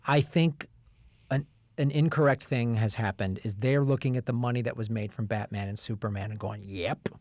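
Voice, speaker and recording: A man's voice: medium pitch, fairly quick, darkish tone, no room sound. A man co-hosting a casual comedy film podcast, joking and slipping into silly quoted voices. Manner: jokey, slips into silly voices. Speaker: podcast co-host.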